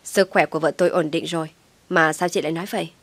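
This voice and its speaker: A woman's voice: deep voice, fairly even intonation, fast talker, fairly bright tone, no echo. A woman voicing a worried young husband. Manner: urgent, pressing.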